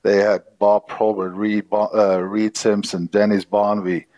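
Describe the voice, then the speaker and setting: A middle-aged man with a Czech accent, answering interview questions in a halting way with many fillers. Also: on the low side, little pitch movement, darkish tone, dry recording, dull audio. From Czech Republic. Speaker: former hockey player, guest.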